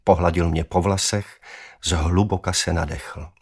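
A man narrating a children's story in a measured, expressive way. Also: deep voice, breathy edge. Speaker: audiobook narrator.

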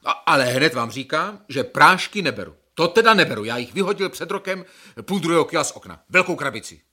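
An actor playing a restless, defensive male patient in a radio drama, quick to flare up. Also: on the high side, big pitch swings, sharp tone, full character voice. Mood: indignant. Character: touchy chain-smoking male scientist patient.

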